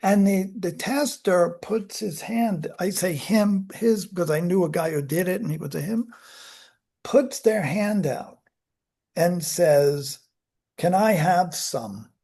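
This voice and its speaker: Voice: mid-range voice, slow pace, gravelly, warm tone. A psychology lecturer explaining child development to a class in a conversational, self-correcting way, acting out examples. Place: lecture room.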